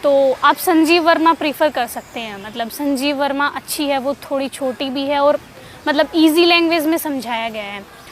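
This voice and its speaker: A woman's voice: high voice, normal speed, slight background noise. A woman giving casual, conversational study advice with frequent fillers and restarts, as someone who passed the exam.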